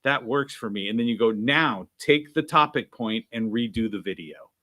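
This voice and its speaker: A man's voice: medium pitch, moderate pace. A man guest in a casual interview, telling stories and acting out quoted dialogue, with many "right?" and "I'm like" asides. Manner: animated, acts out quoted dialogue. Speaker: guest, sales trainer.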